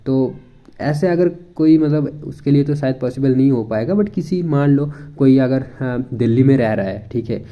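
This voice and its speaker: A man's voice: mid-range voice, normal speed, muffled recording. A young man from India walking viewers through a website in a casual, chatty way, mixing Hindi and English and thinking aloud with frequent fillers. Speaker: education YouTuber. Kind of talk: casual screen walkthrough.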